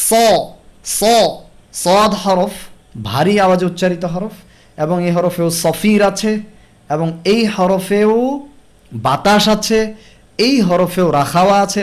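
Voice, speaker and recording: A man teaching Quran recitation, explaining pronunciation step by step, drilling single sounds and reciting verses slowly. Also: high voice. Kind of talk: recitation lesson.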